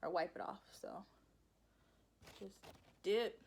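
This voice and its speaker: A woman's voice: mid-range voice, takes it slowly, background noise. A young woman, chatting casually through a makeup tutorial, rambling and laughing at her own slips. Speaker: beauty vlogger.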